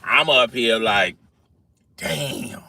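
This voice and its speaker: A young man telling a story in casual slang, animated and talking straight to his listeners. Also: medium pitch, moderate pace, no room sound.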